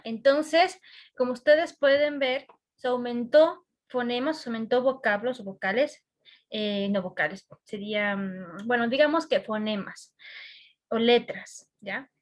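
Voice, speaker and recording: An Ecuadorian woman teaching a class over a video call, patient and checking often that students follow. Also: fairly high pitch. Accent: Ecuadorian Spanish.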